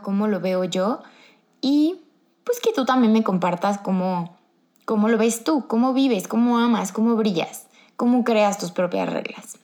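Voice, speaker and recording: A woman's voice: medium pitch, a little mellow. A woman with a Mexican accent hosting a motivational podcast, chatty and upbeat, talking straight to the listener. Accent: Mexican Spanish. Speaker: podcast host.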